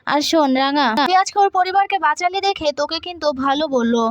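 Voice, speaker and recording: A woman's voice: sits high, lively intonation, fast talker, no echo. A woman voicing a stern, scheming older mother-in-law who lectures and gives orders. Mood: lecturing.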